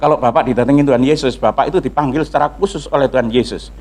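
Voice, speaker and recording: A male pastor giving a lively testimony sermon to a congregation, acting out dialogue and singing snippets of hymns. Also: mid-range voice, very fast, low-quality recording. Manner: animated storytelling with acted dialogue and sung snippets.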